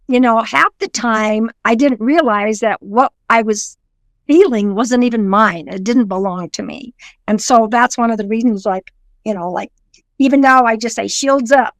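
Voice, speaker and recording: Earnest woman medium, higher voice. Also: dry recording. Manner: earnest, reflective, with frequent fillers and restarts. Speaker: guest psychic medium. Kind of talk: conversational interview.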